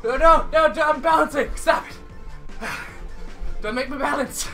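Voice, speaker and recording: A high, bright-voiced gamer, winded from working out, talking slowly and theatrically while trash-talking the game. Every line is dramatic mock outrage, with game music playing behind. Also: steady tone. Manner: melodramatic trash talk at the game. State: out of breath from exercising. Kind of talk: let's play commentary.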